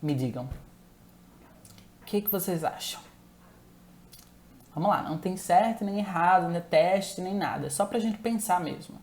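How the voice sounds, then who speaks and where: A woman's voice: lowish voice, expressive, normal speed, pauses often, darkish tone, a little hiss or hum. A woman giving a chatty live-streamed talk on relationships, asking viewers to answer and often correcting herself mid-sentence.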